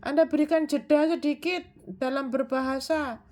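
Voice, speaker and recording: High-voiced woman giving self-help advice. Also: steady tone, a little mellow. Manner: measured, answers her own questions, frequent "eh" fillers. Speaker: self-improvement speaker. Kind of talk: explanatory self-help talk.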